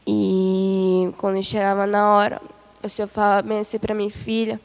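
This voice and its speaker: A woman's voice: mid-range voice, completely flat delivery, normal speed, long reverb tail, dull audio. A woman giving a religious testimony of a vision, retelling it in a repetitive way and calling her listeners beloved. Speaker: church member giving testimony.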